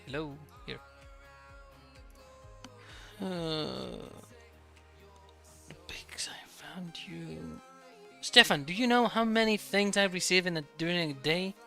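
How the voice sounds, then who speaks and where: A high-pitched male streamer with a very bright, sharp voice, chatting casually over a live stream. He repeats words as he talks and greets his viewers one by one by name. Faint music plays behind him. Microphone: desk microphone.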